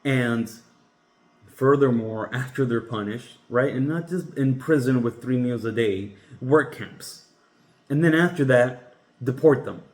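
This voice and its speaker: A man's voice: medium pitch, a little slow, darkish tone. A man from Cuba hosting a podcast, giving his opinions in a casual, emphatic monologue that often halts and restarts. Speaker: podcast host. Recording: roomy echoey room sound.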